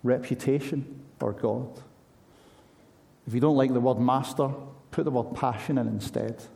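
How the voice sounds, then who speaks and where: A man's voice: medium pitch, steady tone, a little slow, vocal fry, mellow. A man preaching a sermon in an earnest, conversational way, asking his listeners pointed questions.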